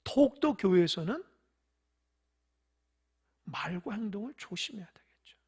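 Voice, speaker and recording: A pastor preaching a sermon in church, shifting between loud, emphatic stresses and soft near-whispers, and asking the congregation questions. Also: medium pitch, sing-song, unhurried, breathy edge. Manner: tells parables, asks the congregation questions.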